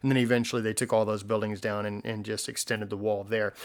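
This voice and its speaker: A man co-hosting a history podcast, telling the story in an animated way with many fillers. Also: lowish voice, quick pace. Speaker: podcast co-host. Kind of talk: casual history podcast chat.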